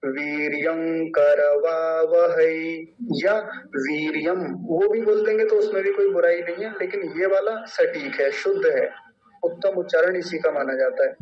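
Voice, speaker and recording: A man teaching Sanskrit pronunciation in an online class, drawing out each syllable slowly to demonstrate. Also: high voice. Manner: slow, drawn-out syllable-by-syllable demonstration. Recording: distant, dull lo-fi mic.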